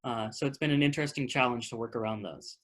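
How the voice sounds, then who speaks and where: Speaking fast in a mid-range, slightly bright voice, this man runs a theater talkback after the show via video call. He handles questions casually, conversing and thinking out loud as he goes.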